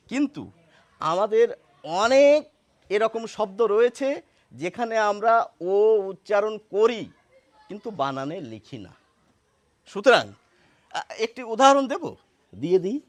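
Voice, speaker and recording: Male instructor, high-pitched voice, methodical explanatory lesson full of rhetorical questions. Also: fairly bright tone. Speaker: Bengali spelling teacher.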